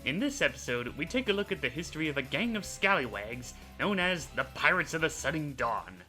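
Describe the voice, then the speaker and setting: A man hosting a video, narrating a character recap in an animated storytelling manner. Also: fairly high pitch, fairly quick, faint music behind, low-quality recording. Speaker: host. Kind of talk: scripted narration.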